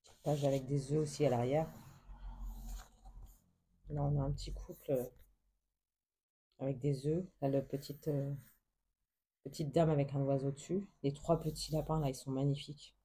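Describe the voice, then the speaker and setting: A woman vlogger showing a book haul in casual show-and-tell, soft and hesitant, full of fillers and gushing over every little picture. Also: deep voice, fairly even intonation, normal speed, pauses often, slight background noise. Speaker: craft vlogger.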